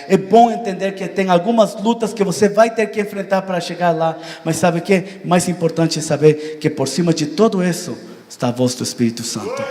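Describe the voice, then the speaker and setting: A man from Brazil preaches a sermon in a fairly high voice. His long hall echo hangs around every phrase. He is animated and acts out dialogue in his stories. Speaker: pastor. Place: church hall. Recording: long church hall reverb.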